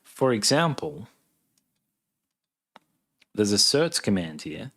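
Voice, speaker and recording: This Australian man in his thirties, a software engineer and livestreamer, has a fairly low voice and a laid-back, conversational manner. He reads out questions and thinks aloud while answering, speaking slowly in a sing-song, slightly bright tone.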